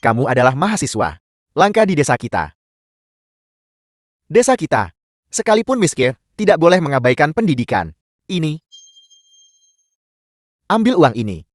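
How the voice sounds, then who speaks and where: A man's voice: a little high, very animated, normal speed, pauses often, no room sound, studio quality. Stern man dubbing a drama. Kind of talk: Indonesian dub of a Chinese drama.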